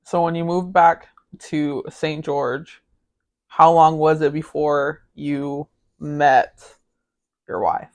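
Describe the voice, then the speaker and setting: A man co-hosts a podcast and asks his guest short, direct questions. His voice is a little higher than most men's. He keeps the tone of a casual chat. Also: steady tone, takes it slowly. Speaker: podcast co-host. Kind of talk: casual interview.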